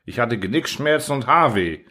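Guy reading a funny story out loud, lots of melody in his voice, wry tone. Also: medium pitch, animated, normal speed. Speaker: audiobook narrator. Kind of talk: scripted first-person story reading.

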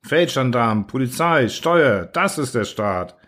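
A man's voice: mid-range voice, expressive, measured pace, fairly bright tone. Man reading as a stubborn, cheeky young soldier.

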